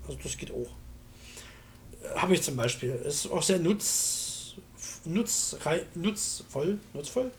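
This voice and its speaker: A man with a somewhat high-pitched voice talks through technical matters in a casual chat. He is colloquial and often ends a remark with a short questioning tag. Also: animated, takes it slowly, slight background noise. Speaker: discussion participant demonstrating software.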